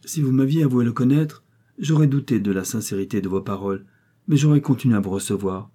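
A man doing a young widow, raised pitch, firm and clear, dark husky tone, storybook reading. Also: quick pace, close to an everyday voice. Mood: accusing.

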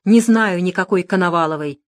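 A woman's voice: fairly low pitch, a little fast, close to an everyday voice. A woman voicing a frightened, blustering male bank director in an audiobook, whining and snapping in panic. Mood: panicky. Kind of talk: audiobook character reading.

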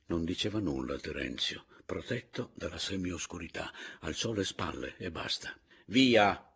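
Deep, gravelly male reader. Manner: measured, expressive reading. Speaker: audiobook reader. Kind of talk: literary audiobook narration.

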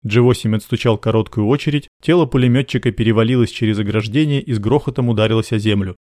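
A man reading an action novel aloud in a measured, even audiobook narration. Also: lowish voice, no room sound, studio quality. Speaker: audiobook reader.

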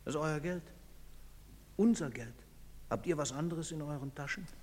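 A man's voice: a little high, moderate pace, darkish tone, big-room sound, slight background noise, lightly acted. An actor playing a grieving father, pleading in anguish and bitterly accusing the townsfolk in an old German radio play.

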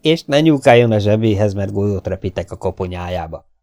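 A man voicing a mysterious masked male avenger in an audiobook, calm, mocking and self-assured. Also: on the low side. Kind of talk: audiobook character voice.

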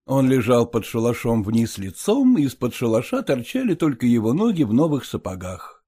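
A man narrating a story in an audiobook reading, measured and expressive. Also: medium pitch, slightly rough.

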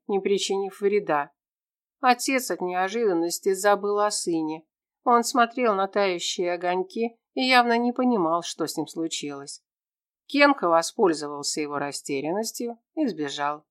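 A woman's voice: medium pitch, animated, normal speed, clear, resonant tone. Woman reading a fantasy story aloud. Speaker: audiobook narrator. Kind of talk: scripted storybook narration.

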